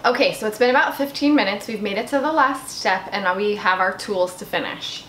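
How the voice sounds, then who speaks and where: A woman's voice: medium pitch, brisk, fairly bright tone. A woman in her thirties talking through a home recipe in a chatty, candid way. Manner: chatty, candid, self-deprecating. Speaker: home cooking vlogger. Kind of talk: casual kitchen vlog. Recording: echoey room with background noise.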